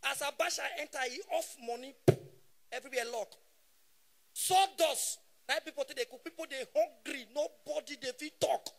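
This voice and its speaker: A man in his thirties doing stand-up comedy with a Nigerian Pidgin English accent, animated and shouting his punchlines. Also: very high voice, normal speed, creaky, slight background noise. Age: 30s.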